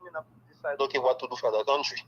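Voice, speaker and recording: With a medium-pitched, husky voice and very fast delivery, a native-speaking man from Haiti answers interview questions candidly and with emphasis. He is excited and says "okay" again and again; the highs in the recording are cut off.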